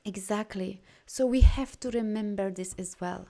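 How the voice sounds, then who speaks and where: Warm and mid-range, her voice keeps a moderate pace. The woman, whose first language isn't English, leads a live energy healing session as a coach, speaking informally and effusively encouraging viewers while often reading their comments aloud.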